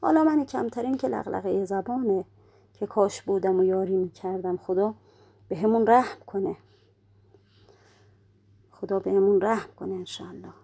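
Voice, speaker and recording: Woman giving a calm religious lecture. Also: mid-range voice, breathy edge. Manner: explanatory, poses rhetorical questions and answers them; slows down to recite prayer quotations.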